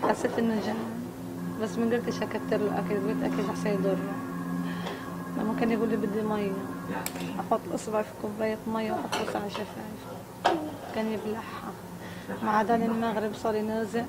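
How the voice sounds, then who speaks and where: A bereaved mother speaking, giving a personal testimony in a quiet, subdued, grieving way. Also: on the high side, level tone, racing, over loud music, poor audio. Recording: loud background noise.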